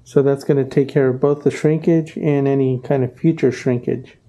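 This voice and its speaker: Middle-aged male craftsman, very dark warm tone, plain practical explainer. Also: mid-range voice, fairly even intonation, moderate pace. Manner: plain, practical explaining with fillers and self-corrections. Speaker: auto upholsterer teaching his craft. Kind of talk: casual workshop tutorial. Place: upholstery workshop indoors.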